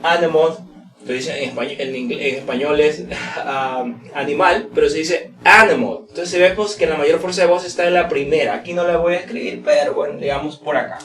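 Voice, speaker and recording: A man's voice: fairly high pitch, a crowd in the background. Man teaching, echoey and distant. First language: Spanish. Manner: slow, drawn-out model words repeated for stress. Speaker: English teacher. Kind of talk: pronunciation lesson at a whiteboard.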